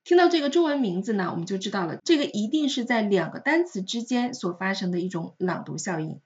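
A woman teaching French in a recorded lesson, explaining patiently and repeating example words slowly. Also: medium pitch, lively intonation, darkish tone, highs cut off.

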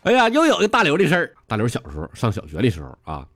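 A man's voice: medium pitch, wildly swooping pitch, very fast, loud music behind the voice. A man with a Northeastern Mandarin accent hosting a comedy podcast, telling jokes in a rowdy, mock-lecturing way and laughing at his own punchlines. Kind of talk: comic storytelling in dialect.

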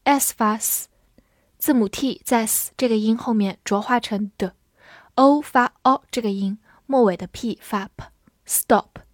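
A woman teaching English vocabulary in a scripted lesson, spelling words letter by letter and reading example sentences slowly and clearly. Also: fairly high pitch, no echo, clean studio sound. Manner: clear, patient explaining.

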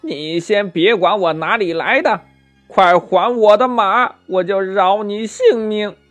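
A man voicing a brash, quick-tempered male monkey king, loud, high and impatient. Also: faint music behind. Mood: fiery, impatient.

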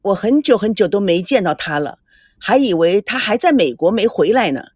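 A woman's voice: medium pitch, very animated, a little fast, a little mellow, slightly rough, no echo, clean studio sound, pitched below the performer's own voice. A woman voicing a courteous young man from a wealthy family. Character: polite young rich man, modest and courteous.

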